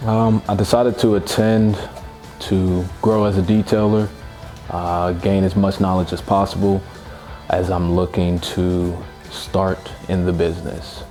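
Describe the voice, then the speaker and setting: A man from Pittsburgh gives a measured testimonial, his sentences trailing off softly. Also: sits low, little pitch movement, soft background music. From Pittsburgh, Pennsylvania. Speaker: detailing student. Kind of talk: testimonial interview.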